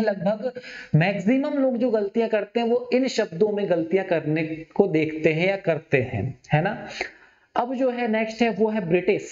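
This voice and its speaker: A man teaching a Hindi spelling class, asking his students questions and repeating words slowly. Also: high-pitched, a little mellow. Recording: dull, echoey classroom recording.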